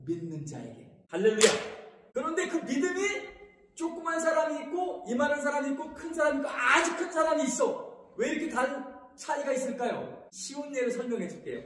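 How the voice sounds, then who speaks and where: A male pastor preaching an animated sermon, asking the congregation questions and answering them himself. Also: very high voice. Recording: echoey hall from far off.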